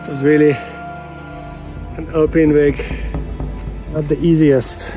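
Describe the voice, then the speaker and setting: A man narrating his mountain hike for a vlog, outdoors, in a halting way that restarts and repeats words. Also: a little high, flat delivery. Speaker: hiker filming his trip. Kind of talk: casual vlog narration on the trail. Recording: music over the outdoor audio. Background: background music.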